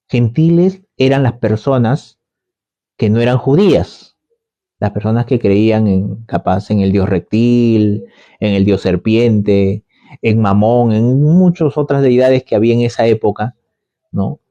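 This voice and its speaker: A man preaches a sermon in an easy conversational way, circling back over the same phrases and putting rhetorical questions to his listeners. His voice is dark and mellow, and the recording sounds dull and lo-fi. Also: lowish voice.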